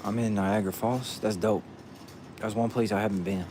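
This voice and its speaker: A man's voice: on the low side, steady tone, moderate pace, noisy background. A man answering viewers' questions in casual chat, blunt and profane, tossing "bro" into nearly every thought.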